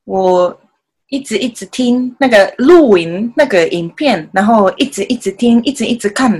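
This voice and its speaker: A woman, a native Japanese speaker with a Japanese accent in Mandarin, chatting casually as an interview guest in halting, simple phrases with repeated words. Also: on the high side, animated, darkish tone, husky. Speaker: podcast guest, self-taught Mandarin learner.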